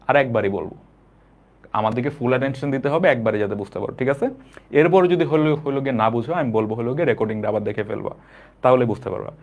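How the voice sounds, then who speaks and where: A young man from Bangladesh, teaching a live online math lesson with insistent repetition and English terms mixed in. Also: medium pitch. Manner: repetitive, emphatic, mixes English terms into speech. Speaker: math tutor.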